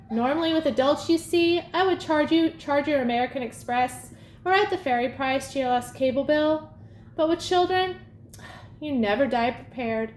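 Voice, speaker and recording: A woman voicing a smooth, sly older male ferryman of the dead with a British accent, sweet and cold. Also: sits high, slight background noise. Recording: echoey room, faint ambience.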